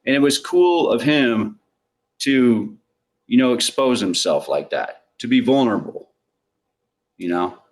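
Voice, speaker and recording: A man's voice: mid-range voice, lively intonation, unhurried, long pauses. A forty-five-year-old man hosting a podcast, talking in a rambling, profane, joking way. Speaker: podcast host. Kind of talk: casual podcast chat.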